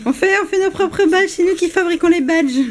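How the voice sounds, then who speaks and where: A woman's voice: very high-pitched, brisk, a crowd in the background. A young woman from France chatting cheerfully as she films her vlog, laughing often. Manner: cheerful, laughs often, narrates while filming. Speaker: vlogger, exhibitor. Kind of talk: casual handheld vlog chat. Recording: noisy background.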